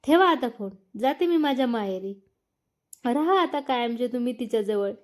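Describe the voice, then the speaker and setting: A woman's voice: fairly high pitch, lively intonation, normal speed, lightly acted. Woman voicing a hurt, suspicious young wife. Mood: tearful accusing. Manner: accusing, emotional. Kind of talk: storybook narration.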